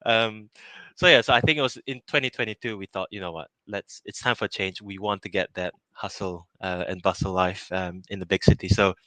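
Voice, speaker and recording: A man's voice: low voice, steady tone, brisk, bright, forceful tone, no room sound. A man from Malaysia in his thirties, answering interview questions casually, with many fillers, restarts and easy laughs. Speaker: innovation project lead.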